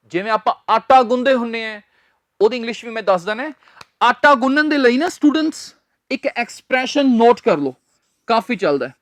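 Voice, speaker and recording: A man's voice: extremely high pitch, no echo. A man teaching a spoken English lesson, spelling out words letter by letter and drilling his students with patient repetition. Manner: patient, step-by-step explaining.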